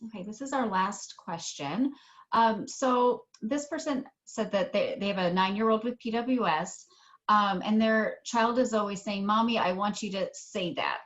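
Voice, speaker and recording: A woman's voice: mid-range voice, a little slow. A woman moderating a webinar, reading out audience questions with some ums. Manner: reads questions with um fillers. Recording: dull lo-fi web audio.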